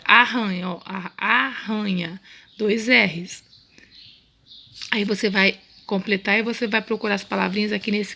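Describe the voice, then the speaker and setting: A woman with a Brazilian accent teaching a remote lesson to young children, patient and coaxing, slowly repeating each word. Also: medium pitch, gravelly, a bit bright. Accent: Brazilian Portuguese. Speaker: primary school teacher.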